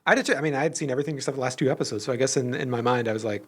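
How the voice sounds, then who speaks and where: A man's voice: medium pitch, racing, fairly bright tone, slightly rough. A man co-hosting a podcast, chatting casually, hesitant with many restarts and laughs. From Iowa. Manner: hesitant, restarts often, laughs while talking. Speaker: podcast co-host. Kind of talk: casual chat.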